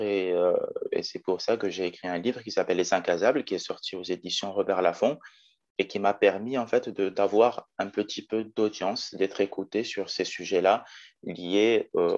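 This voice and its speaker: A man's voice: low-pitched, moderate pace, darkish tone, dull audio. A man in his twenties from Morocco, a teacher talking as a guest in a casual interview, thoughtful with many hesitations. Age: 20s. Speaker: guest, special education teacher.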